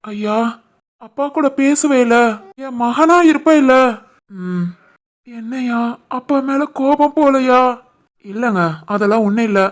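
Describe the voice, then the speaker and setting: A woman acts out a remorseful older village father in an animated family drama. He pleads in a choked, emotional voice with a Kanyakumari Tamil accent. The voice sits a little high for a man. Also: takes it slowly, long pauses.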